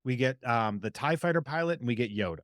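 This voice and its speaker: A man with a Boston accent chatting casually and explaining in a halting, informal way. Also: mid-range voice, animated, fairly bright tone, dry recording, clean studio sound. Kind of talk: casual chat about collectible toys.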